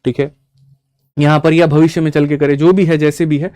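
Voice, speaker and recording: A man's voice: on the high side, little pitch movement, fairly quick, mellow, no echo. A young man teaching an online maths class for exam preparation, talking emphatically and repeating himself, often calling students brother. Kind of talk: online exam-prep class with batch promotion.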